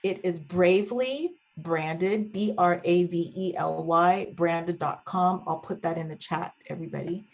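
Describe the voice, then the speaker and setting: A woman hosting a meeting, reading a guest introduction with many um pauses over a video call. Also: on the low side, vocal fry. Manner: warm filler-laden reading, with um pauses. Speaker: meeting host introducing a speaker. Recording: dull lo-fi video call audio.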